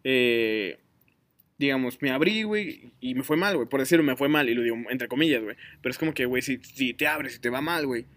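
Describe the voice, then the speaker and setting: Fast-talking young Mexican man, slangy. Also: medium pitch, fairly bright tone, no echo. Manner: slangy, rambling, full of fillers. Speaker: podcast host. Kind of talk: casual podcast chat.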